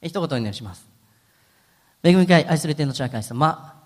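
A man pastor preaching a sermon in a gentle, conversational way with frequent fillers. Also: a little high, expressive, fairly quick, in a large hall.

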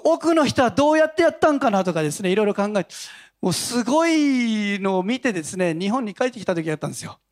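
A male pastor giving a conversational Sunday sermon, telling stories in an animated way and chuckling often. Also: high-pitched, fast talker. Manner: animated storytelling with frequent chuckles.

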